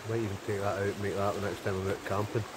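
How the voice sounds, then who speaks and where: A man's voice: fairly low pitch, flat delivery, racing. A Scottish man in his forties, chatting to camera and thinking aloud as he cooks at a riverside camp. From Scotland. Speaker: outdoor vlogger. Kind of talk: casual chat to camera. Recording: outdoor recording with river noise. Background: flowing river.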